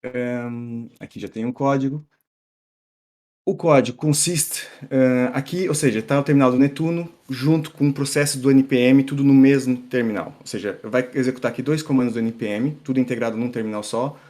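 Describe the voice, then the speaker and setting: At a tech meetup, a middle-aged man from São Paulo gives a relaxed live-coding talk, full of fillers and restarts. His accent blends Brazilian and European Portuguese, and his mid-range voice moves fairly quickly.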